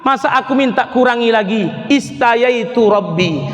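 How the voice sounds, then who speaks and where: Man preaching, very high voice, theatrical, asks the crowd questions, echoey hall, long reverb. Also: expressive, measured pace. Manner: theatrical, asks the audience questions, acts out scenes. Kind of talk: lively sermon to a congregation.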